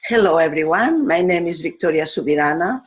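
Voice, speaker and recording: A woman from Spain, a teacher giving a slow, thoughtful talk on education, pausing often and restarting her phrases. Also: on the low side, lively intonation, rough recording. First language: Spanish.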